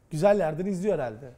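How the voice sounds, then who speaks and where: A man's voice: a little high, mellow. Friendly male sports show host. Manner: friendly, laughs easily, presenter-like. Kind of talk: studio football talk.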